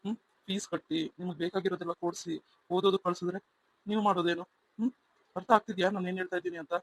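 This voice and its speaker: A man's voice: high-pitched, fairly even intonation, fast talker, fairly bright tone, dry recording, rough recording. A man voicing a firm but encouraging male college lecturer in a cartoon, lecturing students and then praising them. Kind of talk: cartoon voice acting.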